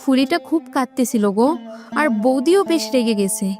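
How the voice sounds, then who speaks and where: A woman's voice: high voice, animated, fairly quick, music in the background. A woman voicing a remorseful village woman in a cartoon, rueful and self-blaming. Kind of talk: cartoon voice acting.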